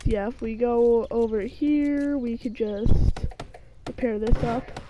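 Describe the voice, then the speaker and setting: A gaming channel host, sick and sounding off, talks over her survival game in casual let's-play commentary, rambling with lots of fillers and restarts. Her voice is a little high and she takes it slowly, with background noise present.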